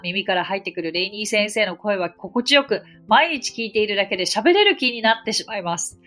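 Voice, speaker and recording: Everyday examples fill this English teacher's explanations as she hosts her podcast for English learners. Originally from Japan, she has a medium-pitched, slightly bright voice and a friendly, encouraging, conversational style.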